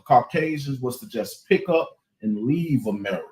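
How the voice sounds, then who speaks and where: A man co-hosting a live talk show, making animated, heated religious commentary. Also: medium pitch, normal speed, husky, poor audio. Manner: animated, loops "you know what I'm saying", agrees loudly. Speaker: podcast co-host.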